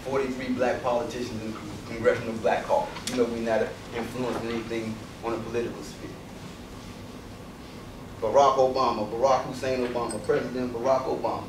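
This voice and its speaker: This invited speaker talks to a student audience in a university lecture hall, pressing rhetorical questions on the crowd in an emphatic public speech. His medium-pitched delivery is flat and fairly quick, with background noise. The hall echoes, and the mic is far away.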